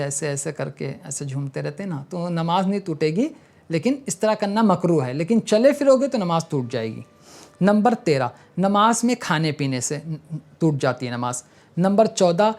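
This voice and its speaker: A man giving an instructional religious lesson, explaining rules point by point, often checking in with the listener and urging them to listen closely. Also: sits high. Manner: emphatic reminders to listen carefully. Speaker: religious teacher.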